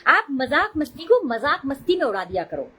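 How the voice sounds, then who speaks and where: A woman's voice: high voice, big pitch swings, normal speed, pushed and bright, slight background noise, rough recording. A middle-aged woman chatting casually on a live stream, talking defensively and greeting viewers mid-talk.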